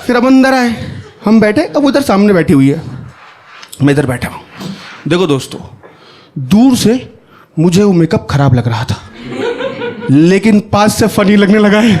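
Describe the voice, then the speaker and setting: High-voiced young man doing stand-up. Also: unhurried, pauses often. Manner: animated, conversational storytelling with asides to the audience. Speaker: stand-up comedian. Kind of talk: stand-up comedy storytelling. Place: comedy stage with live audience. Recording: live show with crowd laughing. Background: audience laughter.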